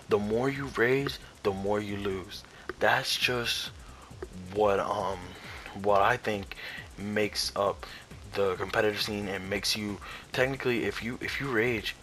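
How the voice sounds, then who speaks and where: A young man offers competitive gaming tips in loose commentary, his voice fairly low yet fairly bright, though the audio is poor. He rambles, swears and keeps restarting sentences, shivering from the cold while faint music plays in the background.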